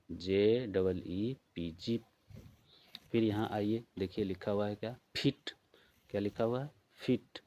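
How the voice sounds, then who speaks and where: Male tutor, Bihari Hindi accent, low voice, unhurried letter-by-letter spelling. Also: a little mellow. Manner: spells words out letter by letter, slow and patient. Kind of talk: workbook walkthrough lesson.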